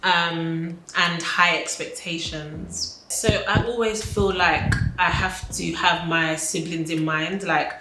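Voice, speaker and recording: A woman's voice: lowish voice, steady tone, takes it slowly, few pauses. A woman in her twenties answering documentary interview questions in a reflective, casual way with many fillers. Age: 20s. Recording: echoey room with faint noise.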